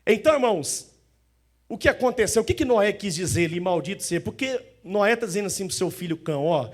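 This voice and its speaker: A man preaching a sermon as pastor in a church, animated, often acting out the voices of the people he describes. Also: high voice, fast talker.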